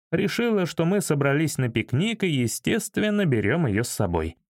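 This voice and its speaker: A man's voice: a little high, a little mellow, no room sound, clean studio sound. A man narrating a comic first-person audiobook in a wry, storytelling manner.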